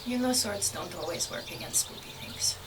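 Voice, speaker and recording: A woman's voice: mid-range voice, lively intonation, moderate pace, very noisy. A woman playing a tabletop game, talking in character in a friendly, chatty way. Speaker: player. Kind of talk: in-character tabletop role-play. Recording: distant mic with background music.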